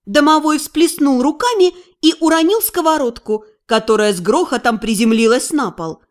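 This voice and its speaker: A woman reading a first-person audiobook with expressive storytelling. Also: sits high, moderate pace. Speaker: audiobook narrator. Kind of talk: first-person scripted narration.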